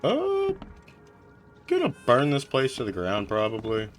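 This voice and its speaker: A man casually commentating over gameplay in an informal way. His pitch swings very widely as he reacts, and faint music plays behind him. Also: measured pace. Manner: informal, animated. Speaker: gamer.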